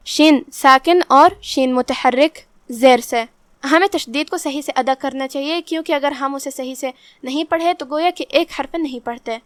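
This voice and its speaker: A woman teaching Quran recitation rules, explaining each letter calmly and reciting verses very slowly. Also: high-pitched, no echo, studio quality. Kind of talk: tajweed lesson with slow recitation.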